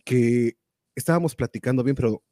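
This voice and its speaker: Man, talk show host, animated and exclamatory, mellow tone, dry sound. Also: medium pitch, normal speed, no room sound. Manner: animated and exclamatory, warmly thanking viewers. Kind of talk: live show chat reading viewer comments.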